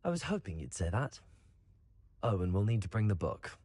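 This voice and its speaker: An actor playing an eager, polite young British student of magic in a video game, speaking earnestly and clearly. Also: male voice, lowish voice, sing-song, moderate pace, dark tone. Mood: confident. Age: young adult. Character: eager, polite teenage male wizard student. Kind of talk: scripted video game dialogue.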